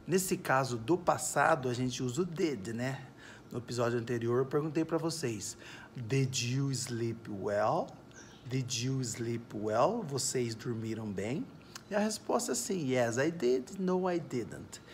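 A Brazilian man giving a casual, playful video lesson in English from his backyard. He says the English examples slowly and clearly. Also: medium pitch, animated, slight background noise. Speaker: English teacher. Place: home backyard, outdoors.

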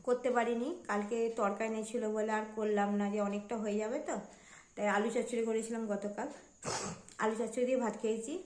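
A middle-aged woman chatting casually in a home vlog, narrating her cooking and her day. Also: on the high side. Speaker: vlogger. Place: home kitchen. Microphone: handheld phone. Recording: echoey room with faint ambient noise.

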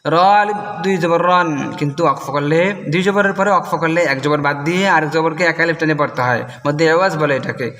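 A man with a Bangladeshi Bengali accent teaching Quranic recitation, spelling words out letter by letter and chanting the verses slowly. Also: fairly bright tone, big-room sound. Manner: slow and deliberate, chanting the verses higher and drawn out. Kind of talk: spelling out Quranic Arabic word by word.

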